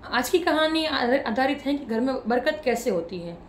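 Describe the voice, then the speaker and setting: A woman telling a moral family story to her viewers in a chatty, homely way, acting out the family's lines in quick back-and-forth dialogue. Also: sits high, animated, roomy sound, a little hiss or hum. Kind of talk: casual spoken storytelling.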